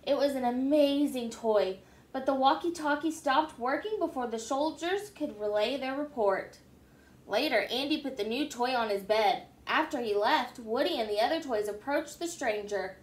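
A woman reads a children's storybook aloud with expressive, animated delivery. Her voice is high, and the room around her echoes. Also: normal speed. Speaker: storybook reader. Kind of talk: reading a children's book aloud.

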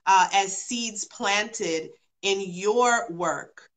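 With a mid-range voice, she draws out her words. Born in London and raised partly in Jamaica and New York, she's a guest in casual talk-show chat over a video call, speaking earnestly and repeating phrases for emphasis.

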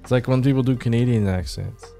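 A man co-hosts a home stream with a gravelly, fry-heavy voice and a laid-back, dry manner. Faint music sits beneath his talk. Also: mid-range voice, fast, mellow. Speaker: livestream co-host. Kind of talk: casual livestream chat. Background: faint background music.

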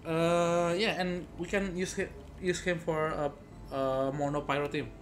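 A young man streams casual, playful let's-play commentary from a gaming desk in an indoor room, often muttering and repeating phrases to himself. His voice is a little high, level in tone, and a little slow. Game music and keyboard clicks sound in the background.

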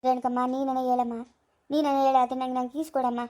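A woman playing an insistent older village mother in an amateur family drama, pressing and scolding in quick bursts. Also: high voice, flat delivery, dark tone, natural voice.

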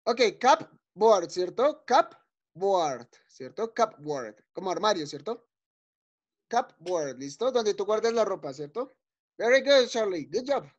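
A male teacher leading an online class for young children. He is patient and encouraging, repeating each word slowly and checking in often. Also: high voice, sing-song. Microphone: video call. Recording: dull lo-fi video call audio.

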